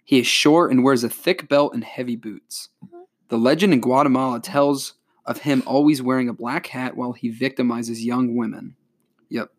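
A man chatting casually on a podcast, reading out folk legends in an animated, joking way. He keeps the tone loose and playful as he tells the stories. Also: mid-range voice, moderate pace. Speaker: podcast co-host.

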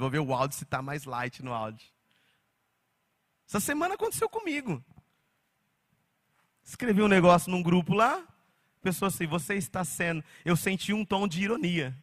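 A man preaching a sermon as pastor, animated, slipping into mocking quoted voices. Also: on the high side.

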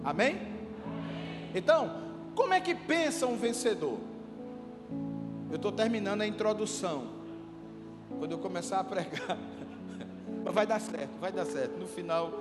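A man's voice: high voice, very animated, moderate pace, long pauses. A man preaching a sermon as pastor, emphatic and calling for responses from the congregation. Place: church hall. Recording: echoey hall with music behind.

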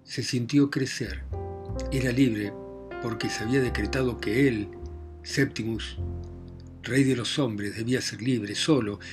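A man reads a novel aloud in an ordinary mid-range voice. His pace is measured, and he lets his voice fall softly at the ends of phrases. Faint instrumental music plays quietly behind him. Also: medium pitch, fairly even intonation. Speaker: narrator. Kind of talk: scripted narration of a novel.

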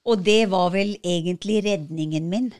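A woman in her fifties, a guest on a talk podcast, tells a story in a lively, laughing way with frequent fillers and restarts. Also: lowish voice, no room sound, studio quality. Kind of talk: casual storytelling conversation.

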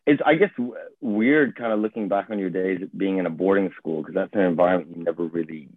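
Over a tinny, phone-like line with a dry recording, a deep-voiced young guest actor from Hong Kong, in his twenties, talks casually at a quick pace. He comes across as hesitant and thoughtful, often using fillers and restarting sentences.

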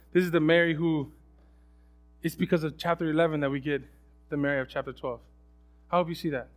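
Casual young man preaching a sermon. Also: fairly high pitch. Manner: casual storytelling, acts out voices of others; many restarts and fillers. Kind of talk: sermon with personal story.

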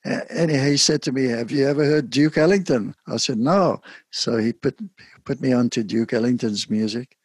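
An older man from South Africa, a saxophonist interviewed about his life in music, speaking softly and haltingly with many pauses. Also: medium pitch, slightly rough, no room sound. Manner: soft-spoken, halting with frequent pauses. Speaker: guest saxophonist. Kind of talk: casual interview.

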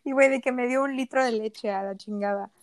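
A woman with a Mexican Spanish accent reacts quickly and slangily in casual chat. Her voice is fairly high, and clear background noise with clicks sits under it.

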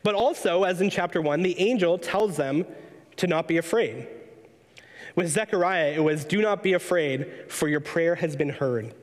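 A man preaching a sermon, measured and explanatory, slowing down to read scripture aloud. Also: a little high, long reverb tail. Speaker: pastor.

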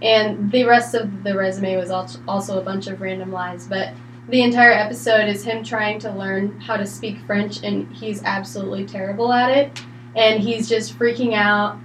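A woman's voice: medium pitch, fairly even intonation, moderate pace, a little hiss or hum. Easygoing woman retelling a story, echoey. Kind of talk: casual podcast chat.

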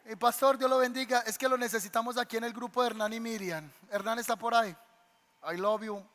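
Male pastor, lively storyteller, bright tone, long church-hall reverb. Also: very high voice, fairly quick. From Colombia. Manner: animated storytelling, acts out voices. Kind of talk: sermon. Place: church sanctuary.

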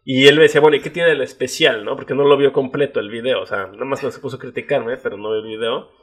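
A young Mexican man with a Mexican Spanish accent, co-hosting a casual podcast chat in a lively, chatty way. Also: mid-range voice, quick pace, slightly rough. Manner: chatty, lively, with many fillers. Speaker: podcast co-host.

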